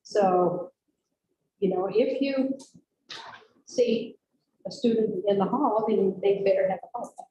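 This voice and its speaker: A woman with a warm, medium-pitched voice speaks at a public school board meeting, going slowly and pausing often. She's frank and rambling with many restarts, recorded by a distant room mic that makes the meeting room sound echoey.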